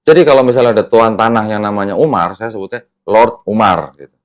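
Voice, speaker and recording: A man hosting a religious talk teaches in a didactic yet conversational manner, going point by point and using leading questions to confirm his listener is following. His voice is on the low side and he talks quickly.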